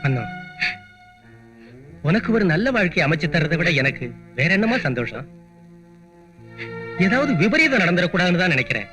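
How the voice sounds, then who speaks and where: An actor playing a proud but poor father who speaks gravely and pleads. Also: high-pitched, sing-song, normal speed, long pauses, pushed and bright, faint music behind, exaggerated voice.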